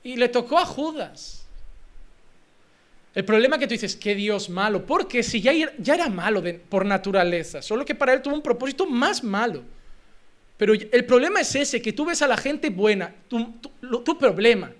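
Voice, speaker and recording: A man preaching a sermon as a pastor, lively and acting out little scenes of parents and children. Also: extremely high pitch, moderate pace. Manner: animated, acts out children and parents in quoted asides.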